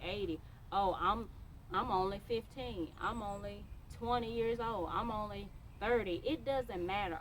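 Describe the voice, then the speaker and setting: A woman's voice: medium pitch, slight background noise, low-quality recording. A woman giving a motivational monologue to camera, emphatic and repeating phrases for stress. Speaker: motivational speaker.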